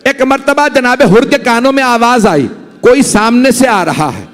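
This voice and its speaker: A man's voice: very high voice, animated, moderate pace, a bit bright, big-room sound. A man, a cleric, giving an emotive storytelling sermon at a mourning gathering. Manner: emotive storyteller, urges listeners to watch him. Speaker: Shia cleric. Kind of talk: Muharram majlis sermon.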